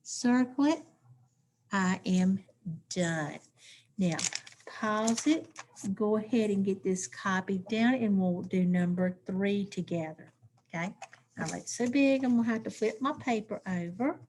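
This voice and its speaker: A woman's voice: medium pitch, unhurried, a little mellow, slight background noise. A woman teacher, walking through math steps aloud in a recorded lesson and checking in with "okay?".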